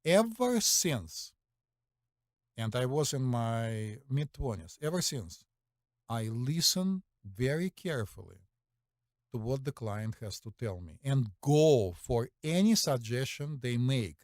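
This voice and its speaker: In this clip the physician co-host, a middle-aged man with a Russian accent, tells his stories with confidence, lots of fillers and the repeated "right?". His mid-range voice is animated yet a little slow, with a darkish tone. It's clean studio sound with no room sound.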